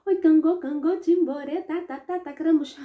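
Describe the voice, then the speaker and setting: A woman voicing a cheeky singing poop creature in a children's story, chanting high in a sing-song way. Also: steady tone, moderate pace, narrow, tinny audio, natural voice. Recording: echoey room.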